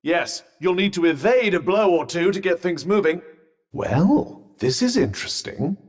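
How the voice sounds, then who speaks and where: A man's voice: high-pitched, big pitch swings, unhurried, heavily acted. A British man voicing a sentient magic cuff in a video game, a droll, haughty, fussy companion with a pompous, sardonic, wordy way of talking. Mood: encouraging, smug. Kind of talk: scripted game character banter. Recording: long reverberant echo on the voice.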